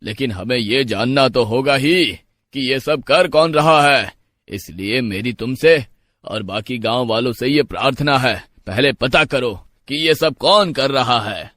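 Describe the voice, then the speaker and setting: Narrator dropping low for a fatherly village headman, measured and calm, dry sound. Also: dry recording.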